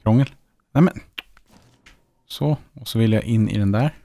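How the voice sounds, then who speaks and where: A man's voice: on the low side, dark tone, no room sound. A man with a Swedish accent giving casual let's-play commentary, chatting and muttering to himself as he plays. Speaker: gaming YouTuber.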